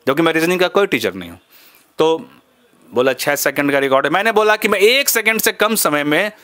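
A man's voice: sits high, lively intonation, a little fast, pushed and bright, no echo. A young man from Bihar teaching as a memory trainer in a live class, rattling off numbers at speed and mixing English into his Hindi. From Bihar, India. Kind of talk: fast live class demonstration.

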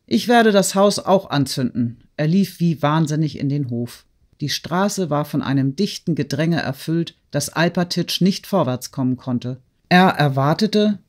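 Man narrating a classic novel. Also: fairly high pitch. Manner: steady, measured reading. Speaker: audiobook narrator.

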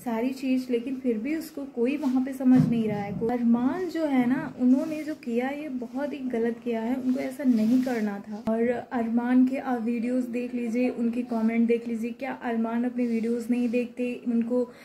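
Up woman ranting on her vlog, kinda high pitched, warm mellow tone, keeps repeating herself. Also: fairly even intonation, normal speed, few pauses, rough recording. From Uttar Pradesh, India. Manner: indignant, emphatic, repeats herself. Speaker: vlogger. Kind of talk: casual opinion vlog.

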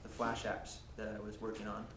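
At a technical meetup, a young male presenter talks in a lowish, monotone voice at a brisk clip. His casual, explanatory delivery is full of fillers and restarts, captured by a distant camera in a lecture room with a projector, so the sound is echoey with faint hiss.

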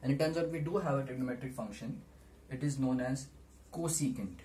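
A young man teaching maths at a whiteboard in a small room, explaining deliberately in short steps. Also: medium pitch, mellow. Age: teens to young adult. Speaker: maths tutor. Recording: noisy small-room camera recording.

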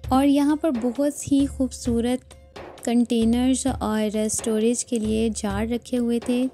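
Vlogger woman, calm explanatory voice-over, warm tone, light background music. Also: fairly high pitch, takes it slowly. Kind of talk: shopping vlog voice-over.

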